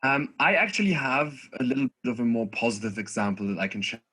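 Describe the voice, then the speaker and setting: A man's voice: mid-range voice, animated, fast talker, pushed and bright, breathy edge. A young man from Vienna, speaking as a student union president on a panel in an earnest, methodical way over a video call. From Vienna, Austria. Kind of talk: panel discussion.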